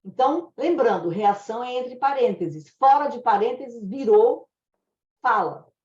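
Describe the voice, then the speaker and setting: Teaching dubbing translation in a relaxed online lesson, this Brazilian woman speaks with a Brazilian Portuguese accent in a slightly high, expressive, somewhat mellow voice, never hurrying. She's talkative and explanatory, chuckling at her own anecdotes. The sound is lo-fi, dull, and roomy.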